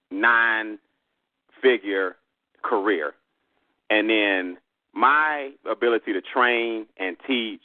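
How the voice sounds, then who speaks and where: An enthusiastic man from the American South pitches a business opportunity in a lowish voice. He sounds dry and close, squeezed through a tinny phone line. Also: dry recording. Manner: enthusiastic, salesy. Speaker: guest trainer.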